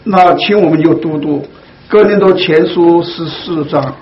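A man leading a Bible study for his congregation, speaking slowly and deliberately with many hesitant fillers. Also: a little high. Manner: slow, deliberate, with frequent fillers. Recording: dull lo-fi recording, faint hiss.

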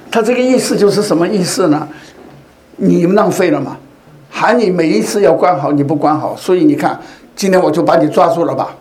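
A man with a high voice preaches a sermon in a relaxed, conversational way. He talks straight to his congregation, often checking in with rhetorical questions as he tells a personal story. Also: normal speed. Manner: tells personal stories to make a point.

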